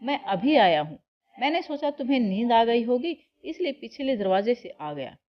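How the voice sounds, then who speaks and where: A woman's voice: fairly high pitch, very animated, normal speed, highs cut off. A woman doing a dismissive young husband. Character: young husband, defensive and trusting.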